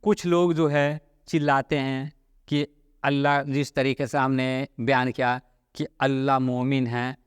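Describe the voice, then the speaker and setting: A man giving a Sufi religious sermon, explaining through a parable with deliberate, repetitive phrasing. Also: medium pitch, level tone, clear, resonant tone, no room sound, big-room sound. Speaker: Sufi preacher.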